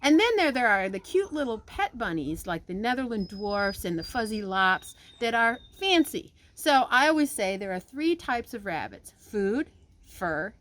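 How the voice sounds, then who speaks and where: A woman's voice: fairly high pitch, sing-song, a little slow, fairly bright tone. A woman who grew up on a farm, patiently explaining animals as a farm educator.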